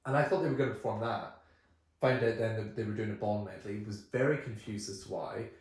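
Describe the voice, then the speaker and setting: A man co-hosting a podcast, telling stories in an animated, casual way with quick asides. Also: fairly low pitch. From United Kingdom. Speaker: podcast co-host. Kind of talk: casual film chat. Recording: echoey room.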